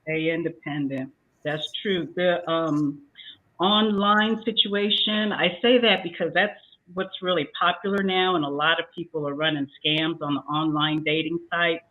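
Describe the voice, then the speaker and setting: On a talk show panel, an older woman offers casual advice, playing both sides of a conversation as she tells a story. Her voice sits low, with a steady, unhurried tone. The recording sounds tinny, like a phone line.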